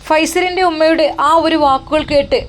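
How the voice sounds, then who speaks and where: A woman with a Malappuram accent narrates a family story, earnest and emotional in tone. Her voice sits somewhat high for a woman, steady and heartfelt. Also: moderate pace. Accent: Malappuram Malayalam.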